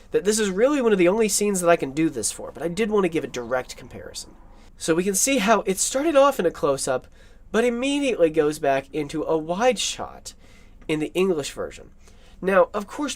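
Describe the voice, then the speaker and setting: A man giving a casual, rambling film analysis, enthusiastic and quick to laugh. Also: a little high, dry recording. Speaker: film commentator.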